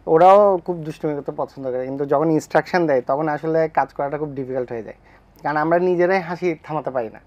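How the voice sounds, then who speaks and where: A man appearing as a guest on a talk show, answering cheerfully and briskly. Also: a little high, highs cut off. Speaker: content creator guest.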